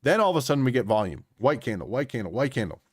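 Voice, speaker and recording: A man's voice: mid-range voice, rapid-fire, no room sound. Male streamer, live chart commentary, punchy repeated phrases, dry close-mic sound. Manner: animated, repeats phrases for emphasis. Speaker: day trading streamer.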